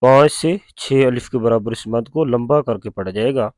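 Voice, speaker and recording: A man with an Urdu accent teaching Quran recitation, chanting verses slowly and then explaining the rules in quick plain speech. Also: medium pitch, a little mellow, dry recording. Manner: alternates slow drawn-out recitation with quick spoken explanation. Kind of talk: tajweed lesson with slow recitation.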